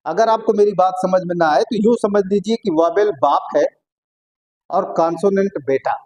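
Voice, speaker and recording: Man teaching grammar, repeating drawn-out sounds. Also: sits high, a little mellow, low-quality recording. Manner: repeats words and drawn-out vowel sounds to demonstrate; keeps checking whether listeners follow. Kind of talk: casual classroom-style grammar lesson.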